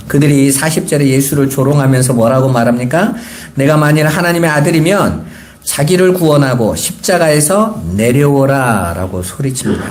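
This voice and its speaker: A man's voice: on the high side, a little mellow. A pastor in his forties preaching a Sunday sermon, asking rhetorical questions and rising to emphatic points.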